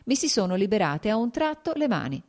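Audiobook: woman voicing a smooth-talking married officer, measured and persuasive. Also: mid-range voice, sing-song, darkish tone, voice pushed up.

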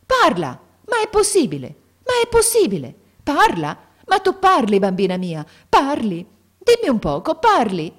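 A woman's voice: lowish voice, lively intonation, normal speed, close to an everyday voice. A woman reading a story aloud, voicing an emotional, anxious father, a gardener who keeps exclaiming. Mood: ecstatic shouting. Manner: emotional, exclaiming, rising to near shouts. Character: anxious, overjoyed working-class father, a gardener.

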